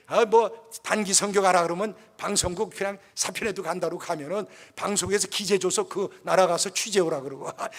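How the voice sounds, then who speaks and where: An older man, a pastor, preaching a sermon with passionate, emotional storytelling. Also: high-pitched. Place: church. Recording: reverberant church hall.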